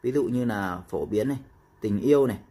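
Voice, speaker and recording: A man explaining a phone app step by step in a casual tutorial, with frequent pauses and fillers. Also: medium pitch, warm tone, breathy edge.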